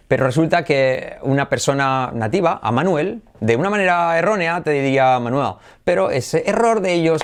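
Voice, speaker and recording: A man from Spain teaching English pronunciation in a lesson, with a Spanish accent, slowly repeating example words. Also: medium pitch.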